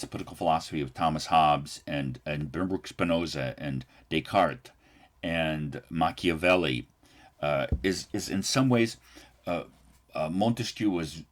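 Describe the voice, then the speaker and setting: A man with a very deep American voice delivers a recorded political science lecture. He wanders through his points with many fillers and restarts, like a teacher talking without a script.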